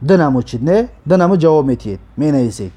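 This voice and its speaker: Man, Tajik accent, grammar teacher, high lively voice, mellow tone, drawn-out example words. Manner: slow, drawn-out drilling of example words, repeated for students; checks understanding with short asides. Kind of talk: recorded grammar lesson.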